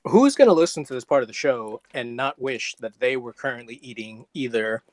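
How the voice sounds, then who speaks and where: Deadpan man rambling on a podcast. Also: medium pitch, a little fast, no room sound. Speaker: podcast co-host. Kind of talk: casual podcast chat.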